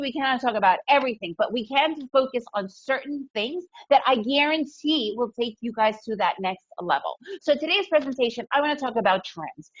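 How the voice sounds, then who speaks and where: A woman born in the Soviet Union and raised in the US, with Russian as her first language, gives an upbeat, emphatic webinar presentation from her home in Guatemala. A day trader with a fairly high, fairly bright voice, she often asks "right?", and the webinar audio is dull and lo-fi.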